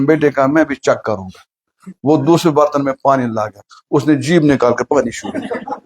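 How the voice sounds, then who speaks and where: Husky-voiced man preaching with a story. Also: medium pitch. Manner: asks the audience questions, acts out story characters. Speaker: Islamic preacher. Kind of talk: sermon with a humorous story.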